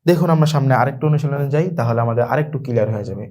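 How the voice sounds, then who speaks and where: A man teaching an online Quran reading lesson, patiently explaining and slowly drilling syllables aloud. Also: mid-range voice, darkish tone. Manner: slow, repetitive drilling of syllables; addresses students directly, patient explaining.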